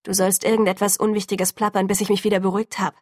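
A woman's voice: mid-range voice, level tone, quick pace, no room sound, clean studio sound, natural voice. Woman reading a curt, angry teenage boy. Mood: tense, restrained. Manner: clipped, tightly controlled speech.

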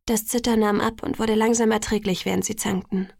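A woman reads a first-person audiobook with an intimate, husky delivery that slips into whispers. Her voice has a gravelly grain, and the close studio recording is completely dry. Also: mid-range voice, fairly even intonation, fairly quick, a little mellow, dry recording. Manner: intimate, partly whispered narration. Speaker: audiobook narrator.

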